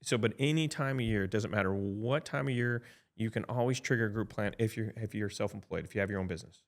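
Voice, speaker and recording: A man in his fifties with a lowish voice talks through insurance options as an advisor in a loose podcast conversation. He thinks aloud, backs up and restarts, and keeps tossing in "right?" to check that his listener is following. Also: fast. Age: 50s. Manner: chatty, frequent "right?" tag checks and restarts. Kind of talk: casual podcast explanation.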